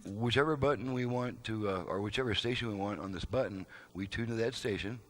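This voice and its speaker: A man whose voice sits on the low side and runs a little fast explains things off the cuff. He gives a casual, folksy, step-by-step product demonstration in the role of a radio repair technician, radio audio playing behind his voice.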